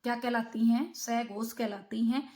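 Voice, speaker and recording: A woman's voice: a little high, mellow. A woman teaching Hindi grammar for exam preparation, asking her own questions and then answering them as she breaks each term into its parts. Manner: asks rhetorical questions and answers them herself; explains terms word by word, slowing on key parts. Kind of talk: exam-prep grammar lesson.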